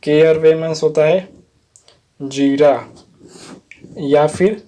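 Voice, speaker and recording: A man with a fairly high, warm, steady voice teaches vocabulary at a slow pace, with a little hiss or hum behind him. He spells each English word letter by letter and explains it patiently, repeating "theek hai" to check in.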